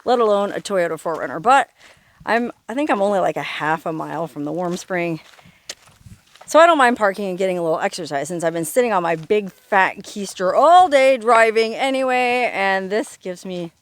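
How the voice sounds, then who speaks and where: A woman's voice: medium pitch, expressive, normal speed. A woman travel vlogger talking outdoors in a desert canyon, in a casual, playful and jokey way. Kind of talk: casual vlog narration.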